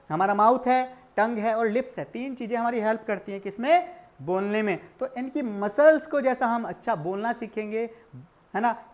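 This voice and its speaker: A man teaching a lecture for exam prep, in a lively style, who asks questions and answers them himself and keeps calling his students brother and kids. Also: sits high. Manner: stretches English definitions out slowly.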